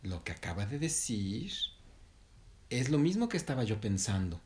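A man voicing a calm, kindly mother monkey who reassures her friend, in a storybook tale. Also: fairly low pitch, normal speed. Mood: reassuring. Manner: gentle, reassuring, patient.

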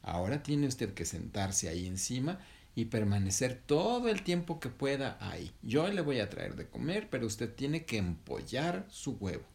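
A man voicing a calm, kindly mother monkey who reassures her friend, in a storybook tale. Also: mid-range voice, normal speed, vocal fry. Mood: reassuring. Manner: gentle, reassuring, patient.

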